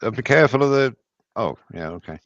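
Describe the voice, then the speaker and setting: A man's voice: mid-range voice, expressive, a little fast, dry recording, highs cut off. A man co-hosting a woodturning call, giving directions with a chuckle and repeating himself. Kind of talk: casual live-stream chat.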